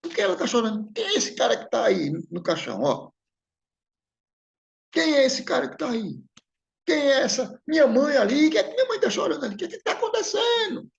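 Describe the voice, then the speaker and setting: A man voicing a bewildered man in his forties who has just died, frantically asking questions and shouting. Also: very high-pitched, sing-song, measured pace, hardly any pauses, muffled recording, voice pushed up, heavily acted. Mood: frantic.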